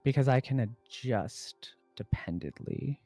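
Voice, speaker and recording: A man's voice: mid-range voice, measured pace, no room sound, faint music behind. Easygoing male game master. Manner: relaxed, filler-heavy narration. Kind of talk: running a tabletop game over voice chat.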